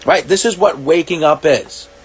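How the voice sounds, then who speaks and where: A man's voice: fairly high pitch, normal speed, breathy edge. Profane, rambling man thinking aloud. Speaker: commentary vlogger. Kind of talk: reaction monologue.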